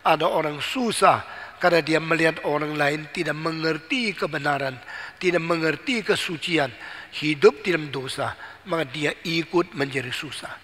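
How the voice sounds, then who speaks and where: A man's voice: fairly high pitch, moderate pace, sharp tone. A man preaching a sermon as pastor, emphatic and repetitive, asking rhetorical questions. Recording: long hall reverb.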